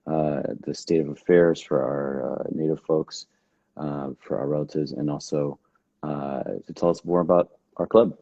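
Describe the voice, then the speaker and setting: A man's voice: a bass voice, dark tone, dry recording, highs cut off. A man hosting a casual livestream chat, easygoing, with slang and fillers. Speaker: host.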